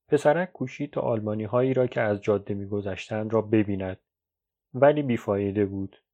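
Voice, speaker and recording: A man narrating a novel as an audiobook, in a measured, even storytelling read. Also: medium pitch. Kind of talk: scripted literary narration. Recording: dull lo-fi recording.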